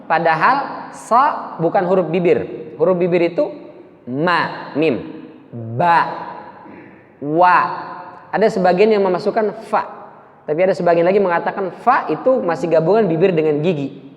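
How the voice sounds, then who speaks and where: A man teaching Quran recitation to a mosque congregation, explaining slowly and demonstrating the sounds himself. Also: sits high, lively intonation. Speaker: preacher. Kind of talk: tajwid lesson to a mosque congregation. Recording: dull sound with long hall reverb.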